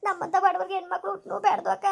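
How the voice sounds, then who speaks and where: A woman acting as a worried village mother in a hobby drama, talking fast and emotionally. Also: high-pitched, fairly even intonation, natural voice. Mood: sorrowful.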